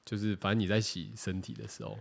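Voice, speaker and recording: Guy rambling on a podcast, animated, keeps restarting his sentences. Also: lowish voice, fast talker, gravelly. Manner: rambling, animated, self-correcting. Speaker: podcast co-host. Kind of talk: casual chat.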